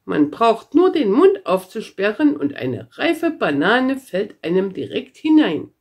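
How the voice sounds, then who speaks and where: A woman reads a children's book aloud with gentle, expressive storytelling. Her fairly high voice rises and falls a great deal, and she takes her time over each sentence. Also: measured pace.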